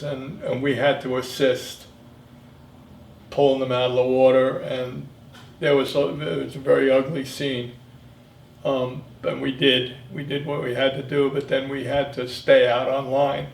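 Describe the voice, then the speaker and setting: Older male veteran, 70s, gravelly voice, halting and reflective as he remembers his service, recorded off-mic in an echoey room. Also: medium pitch, level tone. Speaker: Vietnam veteran being interviewed. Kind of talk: reminiscing in an interview. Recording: echoey room, distant mic, faint noise.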